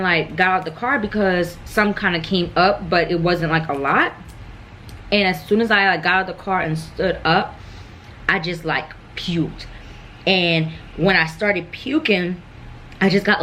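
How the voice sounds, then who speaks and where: A woman's voice: on the low side, fairly bright tone, slight background noise. A young American woman chatting casually and candidly about herself, rambling and circling back over her phrases as a vlogger. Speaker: mukbang vlogger. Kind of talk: casual personal chat.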